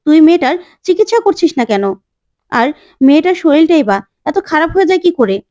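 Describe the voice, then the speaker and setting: A woman's voice: high-pitched, expressive, fast, a little mellow, no echo, pitched above the performer's own voice. A woman voicing a middle-aged father who questions firmly and with concern.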